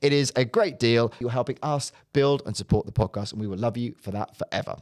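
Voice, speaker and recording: A man hosting a comedy podcast, talking quickly and playfully in easy conversational banter. His pitch sits in the middle range, and the studio sound is clean. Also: darkish tone. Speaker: podcast co-host. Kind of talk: casual comedy podcast chat.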